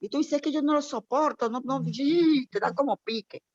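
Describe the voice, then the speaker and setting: A woman sharing an emotional testimony at a church gathering, animated and storytelling, acting out quoted voices. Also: sits high, normal speed, muffled recording, background noise. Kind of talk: heartfelt testimony in a prayer meeting.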